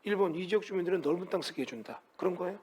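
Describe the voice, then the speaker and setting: A man's voice: high-pitched, rapid-fire, darkish tone, breathy edge. A man teaching a real estate law class, asking his students many rhetorical questions. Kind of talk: lecture to students.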